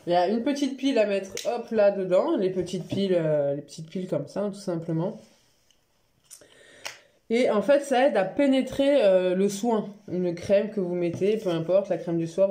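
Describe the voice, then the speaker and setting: A woman talking casually and frankly in a home haul vlog, chatty and quick to laugh. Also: mid-range voice, warm tone, slight background noise. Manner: chatty, frank, laughs easily, many fillers. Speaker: beauty vlogger. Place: home living room by a Christmas tree.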